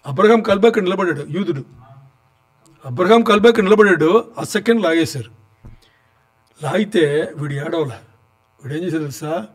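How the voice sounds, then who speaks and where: A man's voice: sits high, animated, moderate pace, long pauses. A man preaching a sermon, retelling a story and often asking his listeners questions. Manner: asks the listeners rhetorical questions; acts out the story's dialogue.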